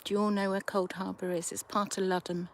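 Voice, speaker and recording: With a phone in hand beside a river, a woman chats casually with her live audience, speaking slowly and thinking out loud. Her voice sits at a medium pitch with a level tone.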